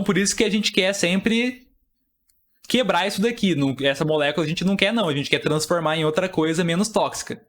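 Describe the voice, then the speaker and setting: A young man with a high, fairly bright voice teaches an exam-prep chemistry lesson. He explains things step by step, asking questions and then answering them himself.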